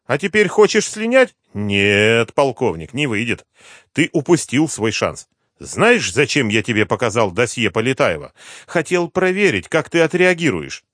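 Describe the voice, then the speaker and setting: Male reader doing the general: older, scheming, smirking and hoarse, voiced high and lively for an audiobook. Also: dry recording, studio quality, exaggerated voice. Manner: smirking, taunting.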